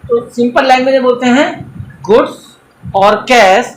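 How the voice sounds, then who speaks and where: A man's voice: extremely high pitch, slow, roomy sound, slight background noise, rough recording. A man teaching an accounting class in a coaching centre, lecturing in a mix of Hindi and English and quizzing students with everyday examples.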